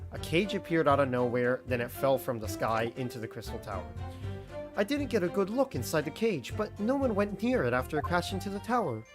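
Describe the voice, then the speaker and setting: A man streaming a game, talking in a casual, animated way and often swearing and getting flustered. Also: mid-range voice. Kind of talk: casual gameplay commentary.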